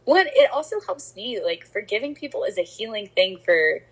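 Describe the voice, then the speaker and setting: A woman's voice: medium pitch, very animated, normal speed, husky, poor audio. A young woman co-hosting a faith podcast, chatting casually, with lots of fillers and some self-mocking sarcasm. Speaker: podcast co-host. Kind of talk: casual chat.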